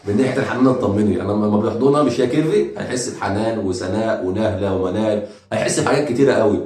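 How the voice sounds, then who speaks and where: A man with an Egyptian accent reacting to video clips with sarcastic, rapid-fire jokes. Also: on the low side, a little mellow, echoey room. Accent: Egyptian Arabic. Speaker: comedy reaction host. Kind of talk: comic reaction commentary.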